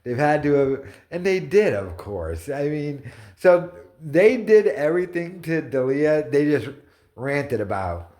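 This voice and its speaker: A man's voice: a little high, big pitch swings, unhurried, a little mellow. Exasperated man ranting off the cuff. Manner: exasperated, mocking. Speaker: YouTube commentator. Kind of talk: reaction commentary, off-the-cuff rant.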